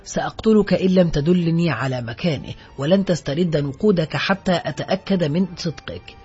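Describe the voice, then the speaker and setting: A man's voice: a little high, animated, quick pace, a little mellow, breathy edge. A man voicing a hardened, vengeful male ex-convict in an audiobook, giving curt, menacing commands. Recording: muffled lo-fi recording, faint music.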